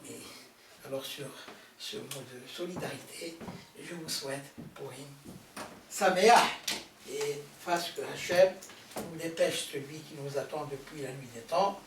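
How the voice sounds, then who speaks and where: A man's voice: fairly high pitch, unhurried. A man rabbi teaching a Torah lesson to a live audience, quizzing them with questions and stressing key words. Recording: roomy hall from a distant mic, faint noise.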